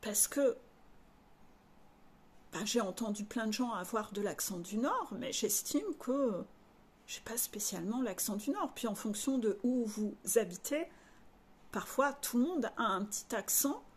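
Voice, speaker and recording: Frank, slangy woman coach with a high voice. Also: slightly rough. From northern France. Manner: frank and confiding, with blunt slang. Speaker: life coach. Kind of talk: candid personal monologue to followers.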